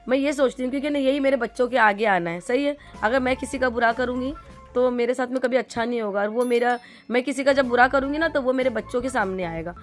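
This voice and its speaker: A middle-aged woman from India telling a vlog story to her viewers, chatty and rambling with lots of fillers and restarts. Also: on the high side. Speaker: vlogger.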